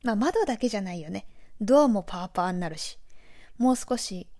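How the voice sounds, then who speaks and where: A woman from Aichi with a Nagoya accent, hosting a podcast in a chatty, relaxed monologue with friendly asides. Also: mid-range voice, a little fast. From Aichi, Japan. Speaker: podcast host.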